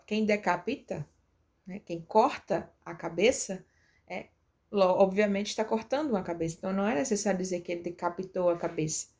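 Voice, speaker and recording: A woman's voice: mid-range voice, darkish tone. A woman teaching a grammar lesson, explaining patiently step by step. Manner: explains step by step with tag questions.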